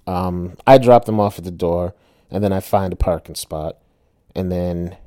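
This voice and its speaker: Chatty, low-voiced man telling stories. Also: measured pace, warm tone, no room sound, studio quality. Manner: chatty, tags lines with "right?", laughs often. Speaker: storyteller. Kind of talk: casual personal storytelling.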